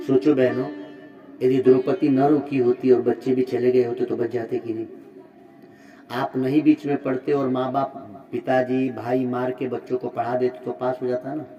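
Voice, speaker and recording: A man's voice: mid-range voice, fairly even intonation, moderate pace. Man preaching a dramatic sermon. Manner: dramatic, swings between loud exhortation and soft asides. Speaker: religious storyteller. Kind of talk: devotional sermon with storytelling. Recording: muffled distant mic with music.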